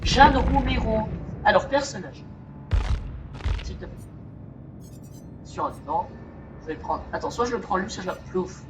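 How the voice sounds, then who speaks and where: A man's voice: high-pitched, expressive, unhurried, long pauses. A man giving casual, joking commentary while he plays a game, chatting to the characters on screen. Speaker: gamer. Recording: echoey, distant mic, game music. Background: game music.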